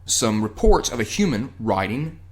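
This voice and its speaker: A man's voice: medium pitch, very animated, moderate pace, a little mellow. Casual, foul-mouthed male podcast host. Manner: loose and profane, many fillers. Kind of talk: casual chat, recapping a TV episode.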